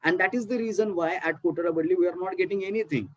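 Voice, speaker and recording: A man's voice: high voice, very fast, no room sound, low-quality recording. A man with an Indian English accent giving an academic talk on archaeology, explaining step by step with many fillers. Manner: explanatory, frequent fillers and restarts. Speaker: archaeology lecturer. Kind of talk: academic presentation.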